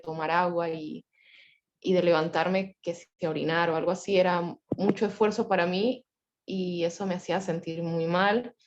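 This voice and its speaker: Woman, 20s, lower pitch, measured student recounting on a dull-sounding call line. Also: a little mellow. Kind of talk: personal account in class discussion.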